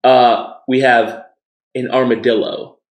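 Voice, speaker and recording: A man's voice: mid-range voice, lively intonation, fairly quick, a bit bright, reverberant, low-quality recording. A man from the American Midwest, a podcast host with a stuffed-up nose, talking bluntly and swearing in a casual beer-tasting chat. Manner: blunt, profane, joking.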